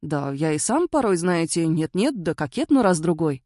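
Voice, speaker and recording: A woman's voice: on the low side, very animated, moderate pace, mellow, no room sound. A woman voicing a wry, self-ironic charming man in an audiobook, with a dry, joking manner. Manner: dry, self-deprecating humor. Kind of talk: audiobook dialogue reading.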